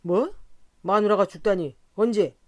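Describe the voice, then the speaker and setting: A woman's voice: mid-range voice, unhurried, voice pushed up, close to an everyday voice. A woman voicing a wary middle-aged man who scolds his drunken friend in an audiobook. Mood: exasperated. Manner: exasperated, scolding tone. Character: wary middle-aged male drinking buddy. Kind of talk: audiobook character voice.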